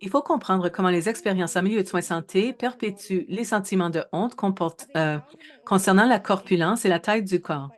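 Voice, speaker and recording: A woman in her thirties giving a research presentation in a webinar, speaking in a measured way with frequent hesitations and self-corrections. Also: mid-range voice. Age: 30s.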